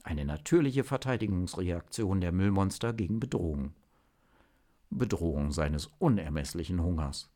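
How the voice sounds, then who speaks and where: A man reading a story aloud as narrator, in an expressive, lively manner. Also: sits low, normal speed.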